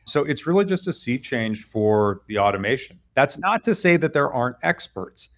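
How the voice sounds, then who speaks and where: A man's voice: mid-range voice, big pitch swings, moderate pace, a bit bright. A man speaking as a guest head of product, explaining fluently and checking in with "right?". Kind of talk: interview explanation.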